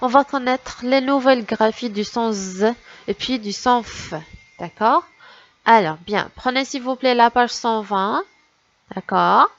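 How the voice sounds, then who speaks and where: A woman teaching a reading lesson to young children, slow and patient, sounding out words and syllables one by one. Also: a little high, lo-fi sound. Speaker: primary school teacher.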